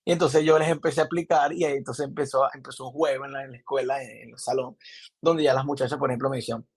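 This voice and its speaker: A young Venezuelan man with a Maracaibo accent, a podcast guest chatting casually and telling animated stories with many restarts. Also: medium pitch, racing, slightly rough. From Venezuela, Zulia. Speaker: podcast guest, film director. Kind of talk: casual interview chat.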